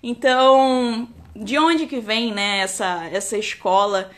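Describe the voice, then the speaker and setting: A woman's voice: on the high side, fairly even intonation, takes it slowly. A woman in her thirties from Rio with a Carioca accent, an enologist talking casually on a live stream and padding her talk with fillers. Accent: Carioca Brazilian Portuguese. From Rio de Janeiro, Brazil. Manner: chatty, many "né" and "tá" fillers, restarts.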